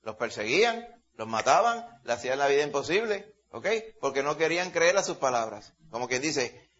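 A man's voice: mid-range voice, sing-song, moderate pace, a bit bright. A man preaching a Bible-teaching sermon in a conversational way, often calling listeners brother. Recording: dull lo-fi sound.

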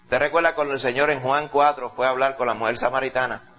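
A man's voice: medium pitch, steady tone, fast talker, sharp tone. A man preaching a sermon, telling the story dramatically and building up to emphatic peaks. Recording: dull lo-fi recording.

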